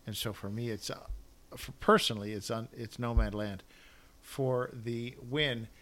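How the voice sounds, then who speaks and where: A man co-hosting a casual film-awards podcast, talking in a bright, forceful voice. He rambles, loses track of what he was saying and corrects himself. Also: medium pitch, steady tone, a little slow. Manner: rambling, loses his thread, self-corrects. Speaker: podcast co-host.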